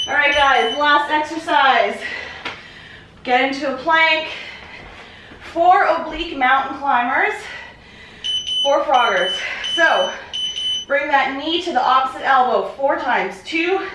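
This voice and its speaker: A woman's voice: high-pitched, takes it slowly, pauses often, noisy background. A woman fitness instructor coaching a workout, counting reps and encouraging, out of breath. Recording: echoey room, voice from far off.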